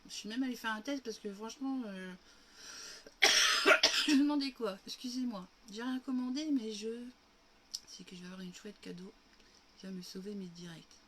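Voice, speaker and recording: With long pauses and a medium-pitched voice at a moderate pace, a makeup live streamer chats her way through a tutorial from home, addressing viewers as "girls" and showing each step. She still has a cough from a recent illness. The recording is very noisy.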